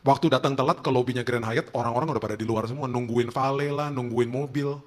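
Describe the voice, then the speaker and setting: A man, a pastor preaching in a lively, joking storytelling way full of casual slang. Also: mid-range voice, fast. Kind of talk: humorous storytelling sermon.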